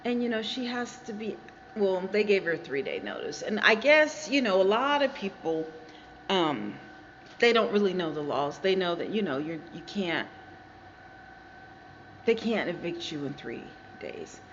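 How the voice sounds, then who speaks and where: A woman's voice: medium pitch, very animated, moderate pace. An American woman vlogging casually from a garage, talking to her viewers in a chatty, digressive way. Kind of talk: casual rambling commentary to viewers. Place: garage with reflective acoustics. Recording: dull muffled sound with background noise, live garage.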